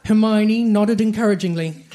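A man with a high, mellow voice dramatically reads comic fan fiction aloud at a normal speed, storybook style. Faint background noise and clicks are present.

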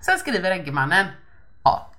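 Lively, bright-voiced woman podcaster. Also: on the low side. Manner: animated storytelling, acts out quotes. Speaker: podcast co-host. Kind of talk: casual chat.

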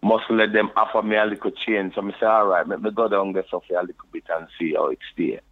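Man, Jamaican patois accent, low voice, tinny phone line, relaxed storytelling. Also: fast. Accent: Jamaican patois, London. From United Kingdom. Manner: relaxed patois storytelling, frequent "you know". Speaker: podcast guest, reggae deejay. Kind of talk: casual interview storytelling.

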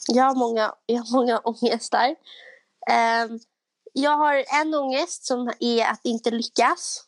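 A woman co-hosting a casual podcast chat, giggly and easily excited. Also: fairly high pitch, no echo, rough recording. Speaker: podcast co-host.

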